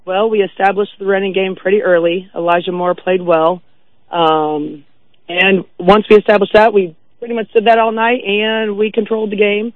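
A woman's voice: mid-range voice, fairly even intonation, moderate pace, dry recording. Sick woman with a worn, shaky voice. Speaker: regular caller to a sports show. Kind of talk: casual phone-in chat. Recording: narrow dry phone line.

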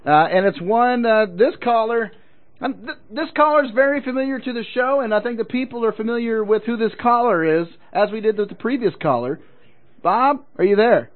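A man's voice: very high voice, moderate pace. A man hosting a call-in sports radio show, chatting casually in a folksy, encouraging way and often repeating his phrases. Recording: narrow phone-like radio audio.

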